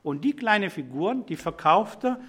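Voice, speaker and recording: A middle-aged man with a fairly high voice delivers a sermon. He explains scripture in an easy, conversational way and speaks straight to his listeners, as if talking with them rather than at them. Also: expressive, moderate pace, fairly bright tone, slightly rough. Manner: conversational, explanatory, addresses congregation directly. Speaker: preacher.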